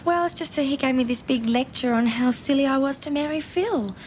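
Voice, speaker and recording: An actress playing a sensitive, hurt young Australian bride-to-be in a television soap, wounded and emotional. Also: female voice, sits high, brisk, a little hiss or hum, lightly acted. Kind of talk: television soap drama acting. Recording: TV soundtrack, faint music.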